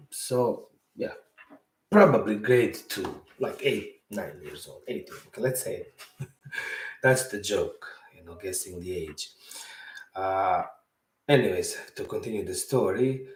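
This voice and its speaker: A podcast host from Bosnia, whose first language is Serbo-Croatian, tells a story at home in a rambling, casual way, correcting himself and chuckling along. His voice is on the low side with a darkish tone. The recording is rough, with a roomy sound and a distant mic.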